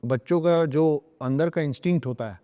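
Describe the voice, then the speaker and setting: A man's voice: a little high, normal speed, dark tone, long reverb tail. A man speaking as a podcast guest, emphatic and lecturing, repeating himself for stress and slipping into English phrases. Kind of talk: earnest podcast talk on spirituality and parenting.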